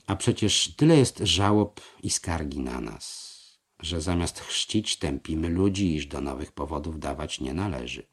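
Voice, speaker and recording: A man voicing a weary, grave old grand master of a knightly order who speaks in measured, sighing tones. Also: a bass voice, expressive, breathy edge, full character voice.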